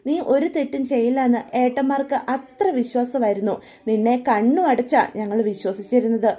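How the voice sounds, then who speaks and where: A woman's voice: a little high, fairly even intonation, fairly quick, mellow, close to an everyday voice. A woman voicing a caring older brother who soothes his crying sister. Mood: soothing. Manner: soothing, affectionate. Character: man, gentle protective older brother.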